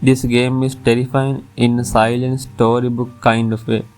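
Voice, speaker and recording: A man's voice: mid-range voice, level tone, normal speed. A man reading a scripted top ten countdown as its narrator, with music playing behind him. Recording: music under the voice.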